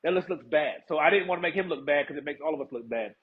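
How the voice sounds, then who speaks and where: A man's voice: fairly high pitch, rapid-fire, a little hiss or hum. A man, a retired first sergeant, talking casually in an interview, laid-back and laughing often. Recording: tinny phone-like line.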